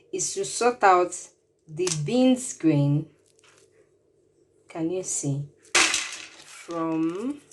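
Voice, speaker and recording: A woman's voice: lowish voice, noisy background. A woman, chatting casually as she walks viewers through a cooking demonstration and explains each ingredient. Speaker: cooking vlogger.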